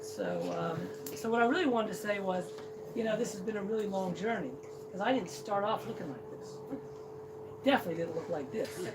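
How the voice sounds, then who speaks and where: At a celebration in a noisy hall, a middle-aged Cincinnati man addresses the crowd through a distant microphone. His high-pitched, brisk voice carries a self-deprecating, joking story from his own life.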